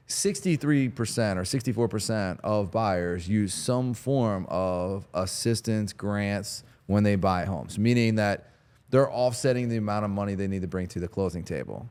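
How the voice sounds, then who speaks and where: Upbeat low-voiced male host. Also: moderate pace, darkish tone, smooth. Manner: upbeat, laughs easily, rambling explanations. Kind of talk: casual chat. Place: outdoors on a golf course.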